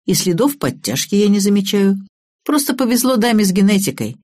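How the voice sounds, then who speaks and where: A woman's voice: mid-range voice, big pitch swings, a little fast, darkish tone, no room sound, clean studio sound, pitched above the performer's own voice. A woman reading the part of a confident young male tech expert in an audiobook, speaking firmly and decisively.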